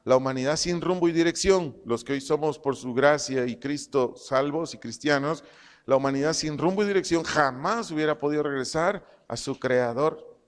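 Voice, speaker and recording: A man preaching a sermon to his congregation, slow and emphatic, repeating his phrases and dictating punctuation as he teaches. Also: fairly high pitch, clear, resonant tone, big-room sound. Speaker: pastor. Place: church congregation hall.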